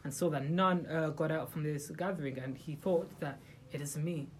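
A mid-range voice at a moderate pace delivers an informal religious talk to a small group in a room, with a little hiss or hum. The group's talk leader frequently restarts sentences and puts rhetorical questions to listeners.

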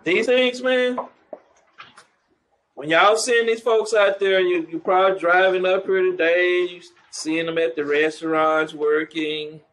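A man's voice: sits high, flat delivery, unhurried, a bit bright, low-quality recording. A man preaching in the street, mocking churchgoers and calling for the next verse to be read. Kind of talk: street preaching with scripture reading.

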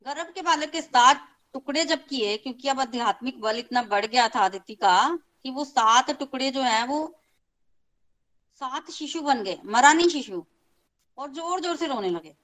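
A woman's voice: high-pitched, expressive, measured pace, fairly bright tone, poor audio. A woman retelling a scripture story in a casual, conversational way, repeating phrases for emphasis, speaking to her listeners and mixing in English words.

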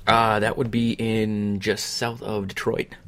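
A man's voice: lowish voice, little pitch movement, slow pace, fairly bright tone, slight background noise. A man from New England co-hosting a casual chat, dropping dry, teasing one-liners. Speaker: podcast co-host.

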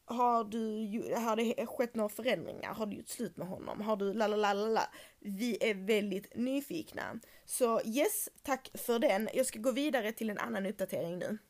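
A young Swedish woman hosting a podcast, chatting casually and reading listener messages, outspoken and swearing freely with English slang mixed in. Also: medium pitch. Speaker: podcast host.

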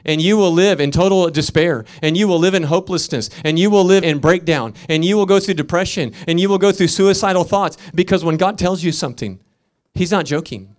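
Male pastor, fiery sermon delivery, rhythmic repeats, slightly high voice. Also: fairly quick, few pauses. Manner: impassioned preaching, swinging from loud emphatic peaks to quiet storytelling; repetitive, rhythmic emphasis.

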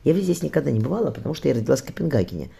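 A man reading the lines of an eager young daughter in a spoken storybook, keeping his own gravelly voice. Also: medium pitch, big pitch swings, very fast, dark tone, voice pushed up, exaggerated voice. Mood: earnest.

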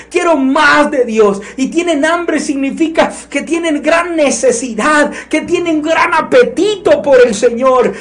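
A preacher giving a sermon in an earnest, emphatic way, often asking the listeners questions. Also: sits high.

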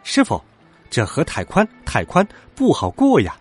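A man voicing a bold, lively monkey king in a storybook. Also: a little high, a little slow, husky, faint music behind, voice pushed up, heavily acted. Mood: urgent.

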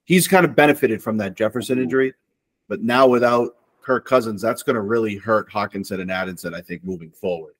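A man's voice: lowish voice, brisk, fairly bright tone, a little hiss or hum. A man in a casual chat among friends who talks at length and rambles through his analysis. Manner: long-winded, rambling analysis. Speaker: podcast co-host.

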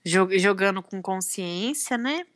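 A woman's voice: medium pitch, animated, takes it slowly, fairly bright tone, no echo, studio quality. A young woman co-hosting a podcast, chatting casually, laughing often and using slang. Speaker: podcast co-host. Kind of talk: casual chat.

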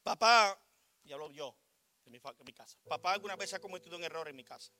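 Brief: middle-aged Puerto Rican preacher, slightly high voice, very bright and cutting, loud peaks and quiet asides. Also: male voice, very fast. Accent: Puerto Rican Spanish. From Puerto Rico. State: short of breath. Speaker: pastor. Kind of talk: sermon.

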